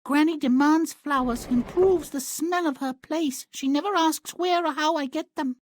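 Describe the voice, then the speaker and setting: A man's voice: very high-pitched, normal speed, no room sound. A man voicing a plucky, blunt little girl with a pert, matter-of-fact delivery in a fairy-tale game. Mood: pert, unafraid.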